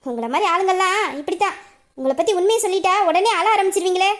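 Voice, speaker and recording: Woman doing a nasty rich girl, super high voice, rattles off insults quick. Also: animated. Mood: scornful. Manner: sneering, fast insults. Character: spiteful rich young woman, taunting and scornful.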